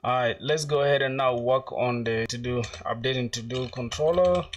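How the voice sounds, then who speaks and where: A man's voice: medium pitch, normal speed, recorded from a distance, slight background noise. A young man from South Sudan live-streaming his coding, thinking aloud as he types and reading viewers' chat questions aloud in casual slang. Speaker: coding livestreamer.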